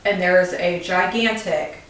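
A woman in her thirties co-hosts a podcast, telling stories in casual chat and laughing easily. Her voice is fairly low-pitched, slow and fairly bright. She is off-mic, with the distant microphone picking her up in an echoey room.

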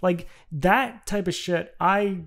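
A man's voice: high-pitched, takes it slowly, creaky, fairly bright tone. Blunt, rambling podcast co-host man. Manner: blunt, rambling, profane explanations. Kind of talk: casual chat.

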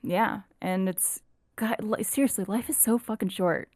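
A woman's voice: medium pitch, moderate pace, darkish tone, no room sound, clean studio sound. A woman in a casual podcast chat, talking earnestly and frankly, with the odd swear word for emphasis.

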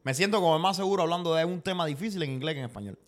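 A man talking fast and emphatically in a relaxed podcast conversation. His voice sits a little high, and he often repeats quick agreements back to the other speaker. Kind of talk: casual chat.

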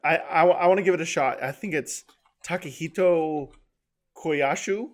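A man's voice: fairly high pitch, moderate pace. A young man co-hosting a casual podcast, asking questions and reacting briefly. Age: young adult. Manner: asks questions, short reactions. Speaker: podcast co-host.

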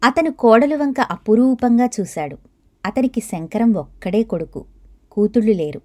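A woman narrating a short story in a steady, even reading voice. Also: fairly high pitch, moderate pace.

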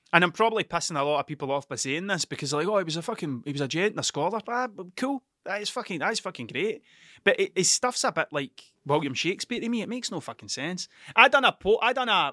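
A man with a broad Ayrshire Scottish accent talks off the cuff in a fairly high, bright, punchy voice. He swears constantly and doubles back to question himself, rambling bluntly. The sound is dry, with very little room on it. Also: no room sound. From Scotland, Ayrshire. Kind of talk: casual rambling monologue.

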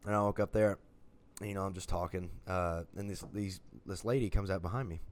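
Casual podcast co-host, male, lower pitch, profane, animated storyteller. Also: a little fast. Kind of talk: casual chat.

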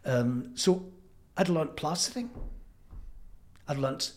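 A man's voice: fairly high pitch, darkish tone. Older Scottish man with a Fife accent. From Fife, Scotland. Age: 70s. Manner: halting, thoughtful, with frequent pauses. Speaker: interview guest. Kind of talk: reflective conversational storytelling.

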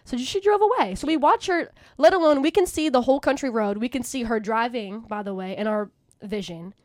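A young woman co-hosting a podcast, telling a story in casual chat, animated and full of "basically" and "like". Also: fairly high pitch, fairly quick, dry recording, clean studio sound. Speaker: podcast co-host.

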